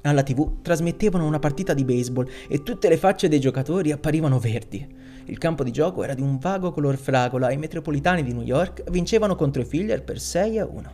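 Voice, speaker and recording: A man reading a short story aloud as an audiobook narrator, in a measured, expressive way. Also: fairly high pitch, faint music behind.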